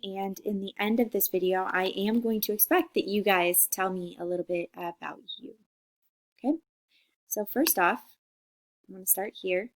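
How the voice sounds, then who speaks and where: A woman in her forties from Costa Rica, a teacher talking students through a class introduction video in a friendly, chatty way. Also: medium pitch. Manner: friendly, chatty, checks in with "okay?".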